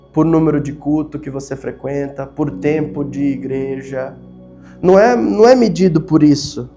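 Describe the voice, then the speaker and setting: A man's voice: fairly high pitch, mellow. A Brazilian man preaching a sermon as pastor, with a Brazilian Portuguese accent, piling up emphatic rhetorical questions. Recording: faint music behind.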